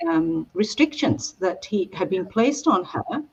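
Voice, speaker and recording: A woman's voice: medium pitch, sing-song, unhurried, gravelly, darkish tone, husky. Scottish lady author chatting away on a video call, muffled lo-fi audio.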